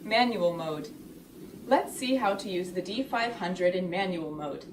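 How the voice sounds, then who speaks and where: A woman reading a scripted product tutorial in a measured, step-by-step explanatory way. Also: lowish voice, expressive. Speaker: instructional video narrator. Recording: roomy, distant, clearly noisy recording.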